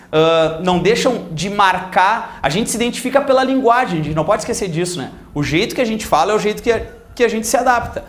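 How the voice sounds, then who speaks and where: A high-pitched man with a Gaúcho accent gives an animated classroom grammar lesson. He keeps asking his students questions and acts out other people's voices. The sound is echoey, as if recorded in a reflective room. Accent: Gaúcho Portuguese. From Rio Grande do Sul, Brazil. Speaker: Portuguese grammar teacher. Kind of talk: lively classroom lecture with anecdotes.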